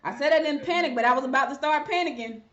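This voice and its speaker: A woman's voice: high-pitched, fast talker, a bit bright, dull audio. A woman hosting a casual live-stream interview, chatting to viewers as she goes. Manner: chatty, talks to viewers while fixing tech. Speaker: show host.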